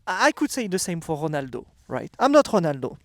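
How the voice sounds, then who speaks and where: High-voiced man with a French accent. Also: very animated, a little fast, dry recording. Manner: emphatic, repeats phrases, addresses viewers directly. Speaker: vlogger and coach. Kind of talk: motivational talk to camera. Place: countryside home.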